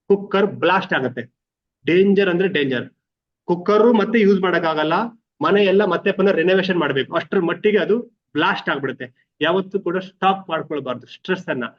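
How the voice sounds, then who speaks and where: A man's voice: sits high, a little fast. A middle-aged man with a Kannada accent, a wellness coach talking to a group, repeating himself and restarting words. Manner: repetitive, restarts words, mixes English terms. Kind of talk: live group coaching talk. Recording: dull lo-fi audio.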